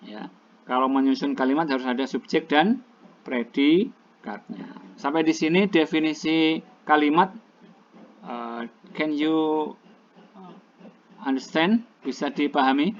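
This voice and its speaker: A male teacher giving a classroom lecture, explaining slowly and repeating each point in translation. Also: fairly high pitch. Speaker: English teacher. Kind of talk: classroom lecture, mixing languages. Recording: dull lo-fi classroom recording with clear noise.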